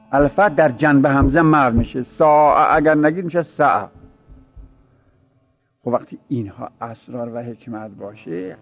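A man teaching an informal seminary lecture, explaining points in a conversational way with repeated examples and chuckling anecdotes, on a dull lo-fi recording. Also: on the high side. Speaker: religious teacher.

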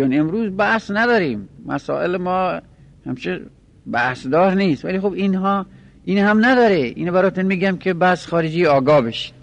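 A man giving a classroom lesson on grammar and poetic meter, explaining patiently, repeating terms and reciting verse in a slow rhythmic chant. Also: mid-range voice. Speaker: teacher of Arabic grammar. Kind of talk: classroom lecture.

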